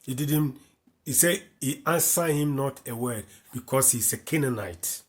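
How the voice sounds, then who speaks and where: In a mid-range voice at a measured pace, a man from West Africa works through Bible passages, reading each verse before explaining it and going back over the important lines. The commentary is slow and repetitive.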